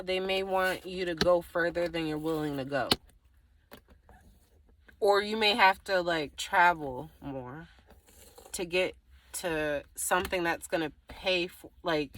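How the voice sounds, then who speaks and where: A tarot reader gives the viewer a casual, improvised reading, rambling as she thinks aloud, trailing off and circling back. Her voice is lowish, pushed and bright.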